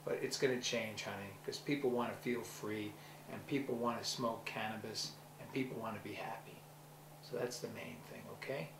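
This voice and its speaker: A man's voice: lowish voice, fairly even intonation, moderate pace, distant mic, noisy background. A man recording a playful, affectionate video message that he speaks directly to a child, among cannabis plants. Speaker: vlog host. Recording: roomy, from the mic, faint ambience.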